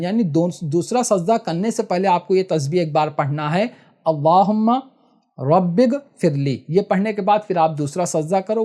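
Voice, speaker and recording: A man teaching how to perform a prayer, step by step and patiently, often checking that listeners follow and chanting the recitations slowly. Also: sits high, a little mellow. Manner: slow, drawn-out chanting in recitations. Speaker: prayer instructor. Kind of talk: step-by-step religious tutorial.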